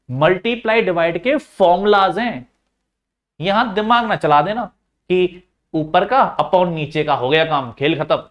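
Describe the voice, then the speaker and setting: A man's voice: high voice, highs cut off. A male teacher working through a maths lesson step by step, coaxing and repeating the key points straight to his students.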